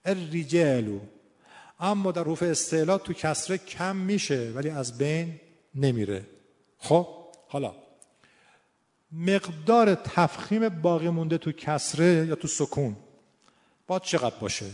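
A man's voice: fairly high pitch, lively intonation, long pauses, a little mellow. A male teacher giving a lesson on Quran recitation, explaining pronunciation and then demonstrating sounds by repeating and drawing out syllables. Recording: long reverb in a hall.

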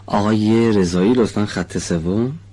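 A man teaching pronunciation in a studio lesson, polite and formal, patiently explaining and slowly stretching out syllables as he demonstrates. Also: on the low side, dark tone. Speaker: Quran recitation teacher.

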